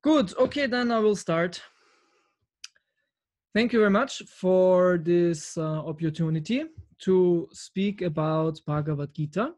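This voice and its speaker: A man's voice: high-pitched, a little mellow. Earnest man from Austria on a video call. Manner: earnest, halting with fillers and restarts. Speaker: devotee lecturer. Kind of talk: online talk over video call. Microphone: video call from home camera.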